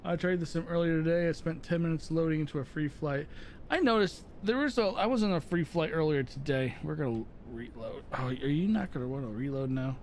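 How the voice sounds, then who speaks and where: A man with a slightly high voice speaks briskly over faint background noise. He's a live streamer whose voice is going hoarse from overuse, and he rambles casually through commentary on his gameplay, often correcting himself.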